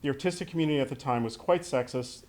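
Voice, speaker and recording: A middle-aged son from Western New York State gives the opening remarks at a memorial, delivering a prepared speech to the audience in a heartfelt, conversational way. His voice is medium-pitched and darkish, and he talks fast.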